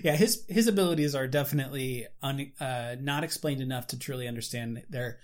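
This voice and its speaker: A man in casual conversation reviewing a movie, animated and full of fillers and restarts. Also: mid-range voice, fairly quick.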